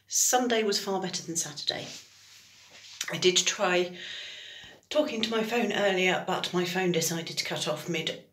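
A woman's voice: low voice, pushed and bright. A British woman chatting casually in a diary vlog from home, rambling and correcting herself as she goes. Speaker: vlogger. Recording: echoey room.

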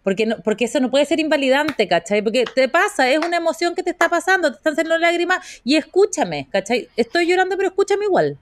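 A Chilean woman co-hosting a podcast in casual chat, animated, acting out voices and often checking that she is followed. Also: high voice, fast talker, hardly any pauses, dry recording. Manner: animated, acts out quoted voices, often asks "cachai". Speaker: podcast co-host.

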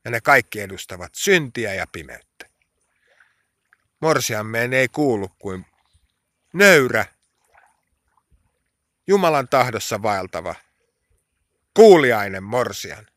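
Guy preaching a sermon, bright forceful voice, slow and emphatic, gets loud and pleading when praying. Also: mid-range voice, big pitch swings, dry recording, clean studio sound. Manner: impassioned, rising to pleading cries in prayer.

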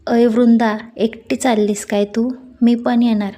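Loud blunt young girlfriend, super loyal, hot-headed, lady narrator doing her, high-ish voice. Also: level tone, measured pace. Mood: fiery. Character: brash fiercely loyal young woman friend.

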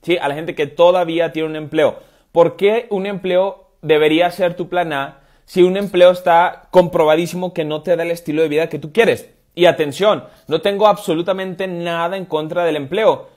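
A man's voice: a little high, darkish tone. A man in his thirties giving a motivational live stream as a business coach, talking emphatically with repeated rhetorical questions. He speaks indoors into a wired earphone mic in front of a phone camera. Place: indoors, room with stone-pattern wall. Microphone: wired earphone headset mic, phone camera.

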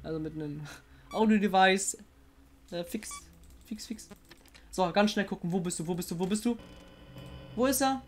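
A woman playing a horror game and commenting, jumpy and excitable, often swearing and coaxing the monster on screen. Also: medium pitch, moderate pace, pauses often. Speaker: let's player.

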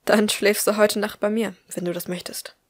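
A woman voicing a calm, gentle teenage boy who speaks quietly and tenderly, in an audiobook reading. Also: medium pitch, moderate pace, lightly acted.

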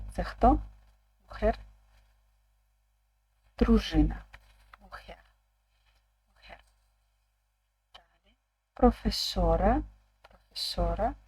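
Woman, online lesson, slow repeating delivery, somewhat low voice. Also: low-quality recording. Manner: calm, slow, repeats words aloud. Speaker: language teacher.

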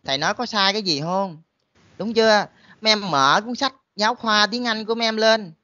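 A man's voice: sits high, fairly quick, pushed and bright, no room sound, highs cut off. A man with a Southern Vietnamese accent, a college teacher giving a motivational talk to students and constantly throwing in rhetorical questions. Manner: emphatic, full of rhetorical questions.

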